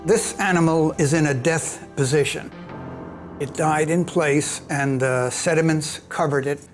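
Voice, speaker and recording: A middle-aged man speaking as an expert in a documentary interview, explaining things in a halting, unscripted way. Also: on the high side, steady tone, faint music behind.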